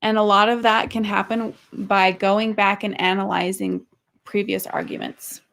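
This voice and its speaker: Young woman course host, gravelly, mid pitch, casual and candid, tells personal stories. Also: level tone, a little slow, fairly bright tone. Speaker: podcast host and marriage course teacher. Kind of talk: casual teaching talk.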